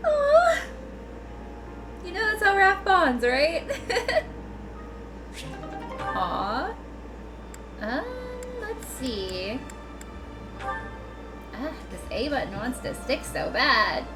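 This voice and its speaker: A woman game streamer with a fairly high, expressive voice. She comments casually and fondly at an unhurried pace, with game music behind her. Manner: chatty, fond, reactive. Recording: voice over clear game music.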